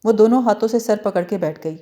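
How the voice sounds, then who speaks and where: Woman narrating a novel in a mellow voice. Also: mid-range voice. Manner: expressive storytelling, voices the characters' lines. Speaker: audiobook narrator. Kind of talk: novel reading with character voices.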